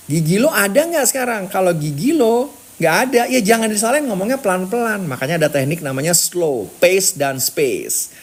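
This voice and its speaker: A man coaching public speaking in casual, slangy talk, firing rhetorical questions at the viewer. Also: high-pitched.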